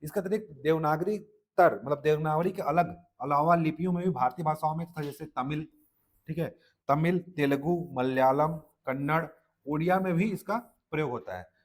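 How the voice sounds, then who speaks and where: Casting: a male Hindi teacher with a Chhattisgarhi accent, fairly high voice, lecturing for exam prep and quizzing the class. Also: normal speed. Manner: repeats "ठीक है" and quizzes listeners.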